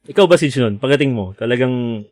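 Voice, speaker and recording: A man from the Philippines co-hosting a casual chat, asking relaxed questions. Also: mid-range voice, a little fast, no echo, studio quality. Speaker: podcast co-host.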